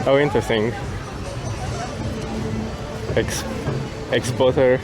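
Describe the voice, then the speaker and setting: Walking through a city square and along a promenade, a laid-back man from Romania livestreams and thanks chat viewers by name. He speaks slowly at a medium pitch with fairly even intonation. The low-quality recording picks up crowd noise and nearby music.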